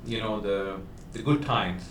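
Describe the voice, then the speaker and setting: A man hosts a business podcast, talking conversationally with lots of fillers and restarts. His voice is lowish and fairly bright, delivered at a measured pace. The recording has roomy echo, a distant mic, and faint noise.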